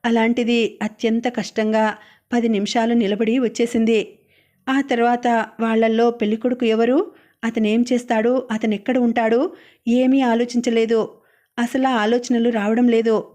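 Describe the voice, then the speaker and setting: A woman reads a novel aloud in a calm audiobook narration. Her voice sits fairly high yet sounds mellow, and she keeps an even, level delivery throughout. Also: normal speed.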